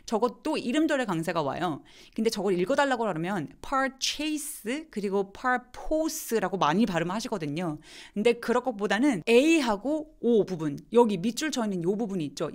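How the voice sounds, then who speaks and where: During a live online lesson, a woman with a medium-pitched voice teaches English pronunciation, slowly demonstrating words and answering viewers' questions.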